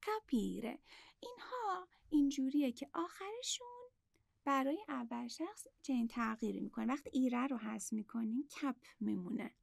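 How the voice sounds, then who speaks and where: A woman teaching a language lesson, explaining patiently step by step and repeating words slowly. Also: sits high, lively intonation, gravelly, a little mellow, dry recording, studio quality.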